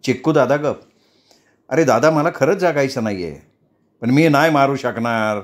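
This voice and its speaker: A man voicing a despairing adult journalist who talks low and weary. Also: normal speed, close to an everyday voice. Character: despairing male journalist, adult, broken-spirited.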